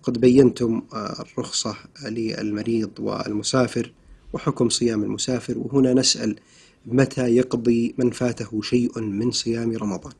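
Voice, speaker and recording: A man's voice: medium pitch, level tone, moderate pace, creaky, a little mellow, husky. A man presenting a radio programme as host, in formal Standard Arabic with a courteous manner.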